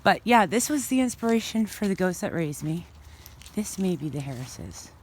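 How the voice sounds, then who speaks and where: A woman's voice: on the low side, big pitch swings, normal speed, darkish tone, a little hiss or hum. A woman casually walking through an outdoor cemetery in winter and filming on her phone. She is a little out of breath and thinks aloud as she talks, with many fillers. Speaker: author giving a tour.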